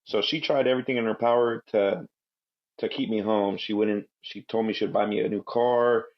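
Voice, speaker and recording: A man in his thirties, originally from Guatemala and raised in Southern California, appears as a podcast guest and Marine veteran, telling stories in a laid-back, rambling interview style. His voice is fairly low with fairly even intonation, moving at a moderate pace over lo-fi audio.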